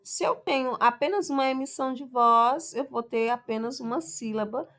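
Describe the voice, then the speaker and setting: A woman teacher with a slightly high voice explains her lesson patiently, one step at a time. She slows right down on each example word and keeps checking that her class follows along. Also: fairly bright tone. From Brazil. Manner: explains step by step, stresses example words slowly. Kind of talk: recorded school lesson.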